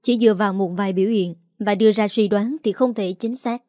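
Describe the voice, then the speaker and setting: A woman voicing an anxious, sharp-tongued middle-aged mother in an audio story, who scolds and grows shrill when upset. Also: brisk, no echo, natural voice. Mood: low firm.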